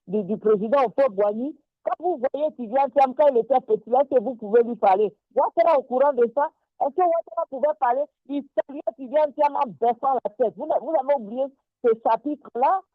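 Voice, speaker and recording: A woman's voice: a little high, no room sound. A woman with an Ivorian French accent giving impassioned political commentary, indignant and emphatic, hammering her points by repeating them. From Côte d'Ivoire. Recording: dry, tinny phone-like line.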